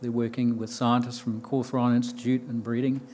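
An older man with a New Zealand accent speaks at a podium mic in a room full of listeners. He explains his points plainly in a middle-pitched voice, pausing on ums and restarting his sentences as he goes. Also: little pitch movement, dark tone, slight background noise. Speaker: conference speaker. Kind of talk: conference talk. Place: lecture room with bookshelves and audience.

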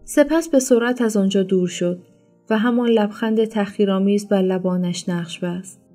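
A woman narrating an audiobook in a steady, even reading voice. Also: mid-range voice. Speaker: storyteller. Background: faint instrumental music.

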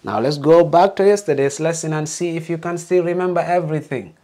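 A man's voice: fairly high pitch, fairly quick, warm tone. A man teaching a beginner alphabet lesson, patiently modeling letter sounds and encouraging learners to repeat.

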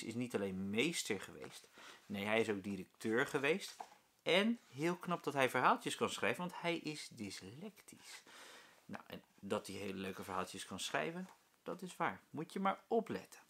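Levendige meester die voorleest. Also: male voice, medium pitch, normal speed, husky. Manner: lively, expressive storytelling. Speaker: primary school teacher. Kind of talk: reading a children's book aloud.

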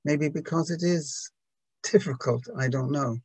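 A man's voice: on the high side, measured pace, darkish tone, breathy edge, no echo, low-quality recording. A man giving a reflective Buddhist talk to a group, hesitant and full of restarts and rhetorical questions.

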